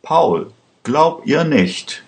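A man voicing an endangered young hero in a slowly read German storybook, raising his pitch and sounding urgent and pleading. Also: animated. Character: young man in danger, urgent and quick-witted.

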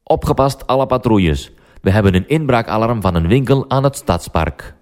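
A man voicing a police radio dispatcher in a language-learning story, announcing calls briskly. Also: medium pitch, lively intonation, a little mellow, natural voice.

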